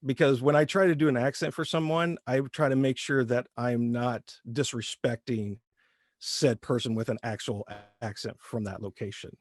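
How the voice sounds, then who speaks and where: A man's voice: mid-range voice, steady tone, moderate pace, dry recording, clean studio sound. Man with a light country twang. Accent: light rural Midwestern twang. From Indiana, US. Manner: easygoing, rambling with restarts. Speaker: voice actor guest. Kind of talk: casual interview.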